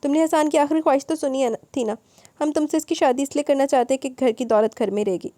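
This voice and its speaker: Woman doing a scheming middle-aged mother, coaxing and honeyed, mellow tone, dry close sound. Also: sits high, dry recording, voice pushed up, close to an everyday voice. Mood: persuading.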